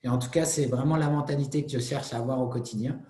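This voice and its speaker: A man gives a motivational talk in a mellow, relaxed voice. He speaks earnestly, comes back to the same phrases and sometimes restarts a word. The recording has a noticeably roomy echo. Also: medium pitch, quick pace. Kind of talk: motivational presentation.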